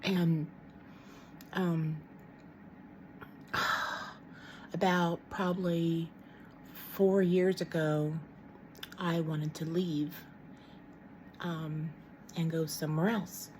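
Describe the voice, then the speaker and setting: Rambling middle-aged woman with a mellow low voice. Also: flat delivery, extremely slow, pauses often, slight background noise. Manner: rambling and frank, many ums and restarts. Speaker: vlogger. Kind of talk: casual chat to camera.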